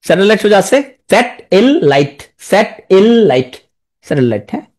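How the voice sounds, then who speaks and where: A teacher giving a live class spelling lesson, slowly stretching out each word and syllable and checking in with students. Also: medium pitch, big pitch swings, darkish tone. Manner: coaching, asks quick check-in questions.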